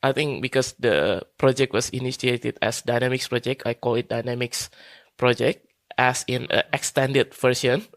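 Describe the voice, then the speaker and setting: A man from Indonesia in his thirties answers interview questions in a hesitant way, full of fillers and restarts. His voice is gravelly, and it is recorded dry and close. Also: mid-range voice, steady tone, normal speed, a bit bright, no room sound. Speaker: guest consultant. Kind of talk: casual interview talk.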